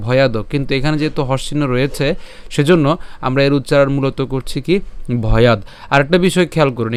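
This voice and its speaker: A man teaching scripture pronunciation online, breaking words into syllables and repeating them slowly, often checking that his listeners follow. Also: on the high side, smooth.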